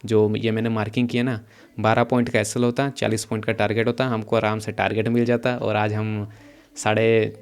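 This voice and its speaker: A young man explaining his options trades in a casual screen-share walkthrough, talking quickly and repeating points as he goes over his charts. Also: on the low side, level tone, clean tone. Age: young adult. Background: some background noise.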